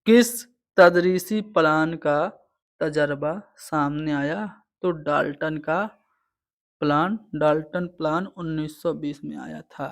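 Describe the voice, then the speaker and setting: Male tutor, higher voice, patient step-by-step explaining, online exam-prep lecture. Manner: explains answers step by step, repeating "theek hai".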